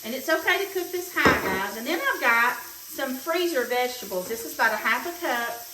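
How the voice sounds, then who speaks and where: A woman's voice: high-pitched, animated, moderate pace. Chatty woman cooking at the stove. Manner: chatty, homey, talks while cooking. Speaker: cooking show host. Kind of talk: casual cooking demonstration. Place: home kitchen. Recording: roomy kitchen, mic at a distance, sizzle noise. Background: frying and sizzling pan.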